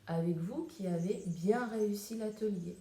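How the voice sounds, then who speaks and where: Woman, teacher for small children, sing-song, soft dark tone, echoey room. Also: mid-range voice, moderate pace. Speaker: preschool teacher. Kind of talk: remote class video lesson.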